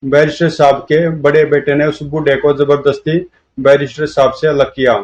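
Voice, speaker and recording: A man narrates a comic story aloud in a plain storytelling manner. His voice is slightly high with little pitch movement. The recording is dull and lo-fi. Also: little pitch movement, normal speed, darkish tone. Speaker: comic book reader. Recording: dull lo-fi audio.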